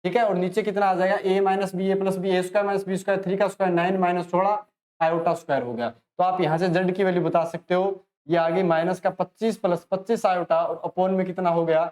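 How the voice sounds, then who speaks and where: An Indian man teaching maths online, working through problems in a chatty way and urging students to pause and try. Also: sits high, fairly even intonation, darkish tone. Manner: chatty, talks to students as if they ask questions; encouraging, urges students to pause and solve. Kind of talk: online lesson, solving problems.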